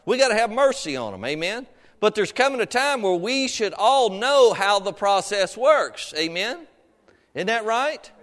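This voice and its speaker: This very animated sermon comes from a middle-aged man with a high, fairly bright voice, speaking a little slowly as a long hall reverb carries his words around a large room. Folksy and colloquial, he exhorts the congregation and keeps punctuating his points with amens and questions.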